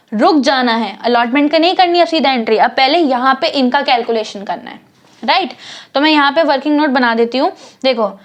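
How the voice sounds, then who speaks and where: High-voiced Indian woman teaching commerce. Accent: Hindi-speaking North Indian. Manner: explains step by step with frequent checks like "theek hai"; acts out short scolding asides to shareholders. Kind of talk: classroom lesson.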